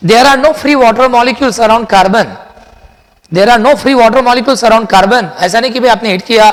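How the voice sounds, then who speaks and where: A man teaching chemistry in a classroom lecture, mixing Hindi and English, asking and answering his own questions and repeating key sentences slowly for dictation. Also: sits high, big-room sound. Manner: addresses students as children, asks and answers his own questions.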